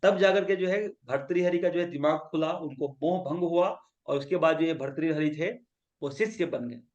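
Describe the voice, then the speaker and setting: A man's voice: a little high, normal speed, darkish tone, highs cut off. A man teaching a yoga class, telling stories and acting out quoted lines, often asking the students to repeat key points back to him. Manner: mixes English phrases into his talk. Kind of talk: lecture storytelling.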